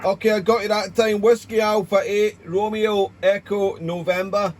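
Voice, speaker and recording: Here a man from Wales, his voice sitting high and his tone level, talks at normal speed in a casual ham radio exchange. He's chatty, polite and meandering, peppering his talk with call signs and procedure words.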